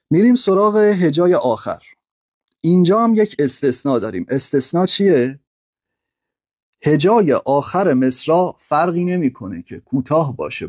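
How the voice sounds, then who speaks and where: Guy teaching poetry meter over slides, warm mellow voice, bit husky, dry close sound. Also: fairly high pitch, no room sound. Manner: methodical, breaks words into syllables slowly. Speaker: literature teacher. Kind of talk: explaining a lesson over slides.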